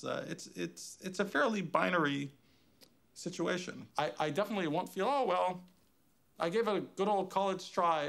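A man's voice: on the high side, creaky, fairly bright tone. A man in his thirties, a physicist, talking candidly in an interview, earnest and emphatic. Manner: earnest, emphatic, self-questioning.

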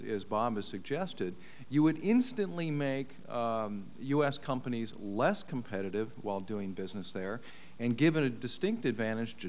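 A middle-aged man testifying as an expert witness, measured and argumentative, on a desk mic in a large paneled hearing room. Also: mid-range voice. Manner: measured, argumentative, many uh fillers. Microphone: desk microphone.

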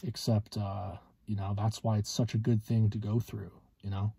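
A man in his twenties talking casually to camera in a hesitant, halting way, with a slightly husky voice, inside a car. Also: on the low side, flat delivery, mellow, no room sound. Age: 20s. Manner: hesitant, halting with long pauses. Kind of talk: casual vlog monologue.

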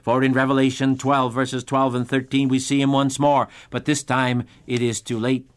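A man teaching the Bible in a radio sermon. He preaches with emphasis, jumping up in pitch and slowing down hard on key words as he reads scripture aloud. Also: level tone, clean tone. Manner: emphatic, with sudden pitch rises and slow, drawn-out stresses; reads scripture aloud in old-fashioned wording.

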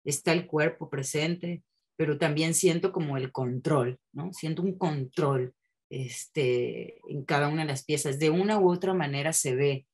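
Low-voiced woman, candid chat. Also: unhurried, a little mellow, slightly rough. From Mexico. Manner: candid, frequent tag questions, restarts and swearing. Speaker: podcast guest. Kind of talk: casual conversational chat.

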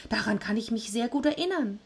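A woman's voice: on the high side, expressive, brisk, gravelly, husky, pitched above the performer's own voice, heavily acted. A woman voicing a timid male death figure who answers his master hesitantly.

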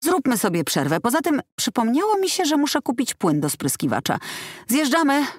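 A man's voice: extremely high pitch, wildly swooping pitch, a little fast, no room sound, clean studio sound, voice pushed up, full character voice. A woman voicing a hot-tempered male driver in an audiobook, snapping and raising his voice in anger. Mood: angry. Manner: angry, snapping, raised voice.

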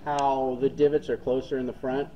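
Male retail clerk, explainer type, filler-heavy, in-store phone camera with clear background music. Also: mid-range voice, little pitch movement, moderate pace, dark tone, dull audio. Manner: chatty, explains with many fillers. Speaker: hat store salesperson. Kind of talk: casual in-store advice. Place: large western wear store, indoors. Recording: store music playing behind.

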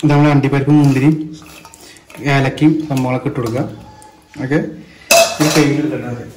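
A man's voice: medium pitch, flat delivery, fairly quick, a little mellow, soft background music. A man with a northern Kerala Malabar accent chats casually to viewers as he cooks, mixing English words and catchphrases into his Malayalam. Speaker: cooking vlogger. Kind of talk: casual chat to viewers while cooking. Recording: roomy, echoing indoor sound.

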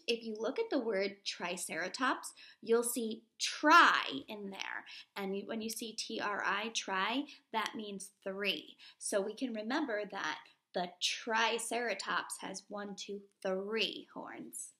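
A woman in her thirties who teaches primary school gives a read-aloud lesson for young children, explaining plainly and asking questions as she reads. She talks slowly, her mid-range voice carrying a sharp tone.

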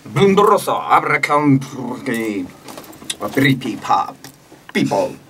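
A man's voice: medium pitch, very animated, fairly quick, sharp tone, recorded from a distance, a little hiss or hum. A young man improvising exaggerated fake foreign language for a comedy contest. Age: young adult.

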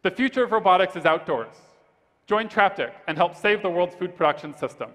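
Guy founder pitching on stage, kinda high voice, big echoey hall. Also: animated, fairly quick, a bit bright. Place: large event hall stage. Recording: reverberant conference hall.

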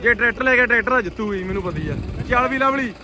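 A man's voice: very high voice, rapid-fire. A man with a Punjabi accent hosting a casual outdoor vlog, boisterously calling out commands and bantering. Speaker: vlog host. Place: outdoors in an open field.

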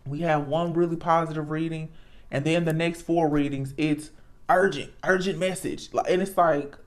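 A tarot reader talking casually and reflectively, earnest and emphatic, often halting and repeating words. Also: medium pitch, steady tone. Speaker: tarot reader, channel host.

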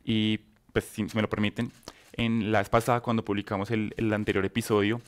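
A man with a Colombian accent chatting quickly as a panelist on a basketball show. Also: on the low side, flat delivery, clean tone. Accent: Colombian Spanish. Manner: quick, talkative, laughs easily. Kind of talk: casual basketball panel talk.

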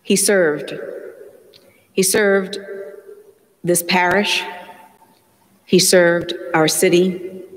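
A man preaches a funeral homily from the pulpit of a large church, his voice fairly high for a man. He speaks slowly and solemnly, pausing between phrases. Long church reverb trails every word. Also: fairly even intonation, fairly bright tone. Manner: slow, measured, solemn delivery with deliberate pauses. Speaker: priest. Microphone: distant pulpit mic, far camera.

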